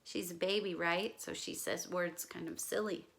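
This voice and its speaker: Her voice is lowish and creaky, at a normal speed, as she reads a picture book to young children like a teacher. She's expressive and careful, pausing for explanatory asides and gentle questions.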